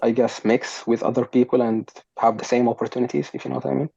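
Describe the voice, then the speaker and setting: A young Sudanese man, a guest on a podcast, answers thoughtfully but a bit hesitantly, with lots of fillers. His mid-range voice is gravelly, dark and slightly rough, level in tone and quick in pace. He sits on a sofa at home and speaks through a headset on a video call, and the audio is dull and lo-fi with no echo.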